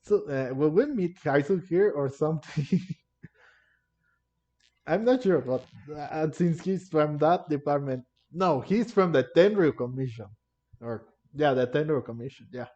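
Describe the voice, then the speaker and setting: In a slightly high, mellow and expressive voice, a man unhurriedly narrates his gameplay in a casual, hesitant way, wandering off topic and often repeating words. Faint game music plays under muffled audio.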